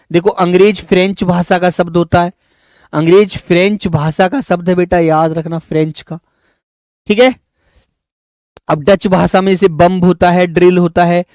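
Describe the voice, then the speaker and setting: A man's voice: high voice, a little mellow, no room sound, clean studio sound. A man teaching an online exam-prep class. He lists example words one at a time, calls his students his children and keeps checking "is it not?".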